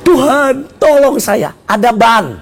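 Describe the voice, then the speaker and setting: High, animated pastor preaching. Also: male voice, slow pace, gravelly. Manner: joking, animated, shifts into quoted voices, shouts at times. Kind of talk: lively sermon. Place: church service.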